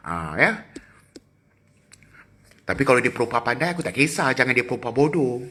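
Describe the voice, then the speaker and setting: A middle-aged man with a Malaysian accent, chatting casually with viewers on a phone livestream, teasing and quick with asides. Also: medium pitch, big pitch swings, pushed and bright, husky. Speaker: livestream host. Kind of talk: casual live chat with viewers.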